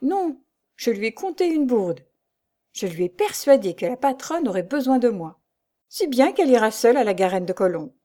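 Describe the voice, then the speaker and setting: Chatty young seamstress gal, voice pitched up a bit, mellow tone, read by a woman. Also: big pitch swings, moderate pace.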